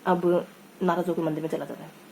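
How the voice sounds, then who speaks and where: A woman teacher leads an online exam-prep session in a conversational way, often checking in with tag questions. She weaves in motivational stories. Her voice is dark and mellow, with faint hiss behind it. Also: on the low side, fairly even intonation, a little fast, rough recording. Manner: motivational storytelling.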